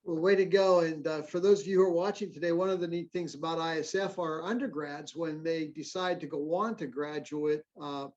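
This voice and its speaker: A man hosting a graduation ceremony over a video call, friendly and halting, with many fillers. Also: steady tone, a little mellow. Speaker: ceremony host. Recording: muffled low-fidelity audio.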